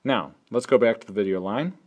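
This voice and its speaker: Low-voiced guy doing a screen tutorial, explains each step out loud. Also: brisk, dull audio. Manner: plain step-by-step explaining, thinks aloud. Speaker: teacher. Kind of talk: screen-recorded app tutorial.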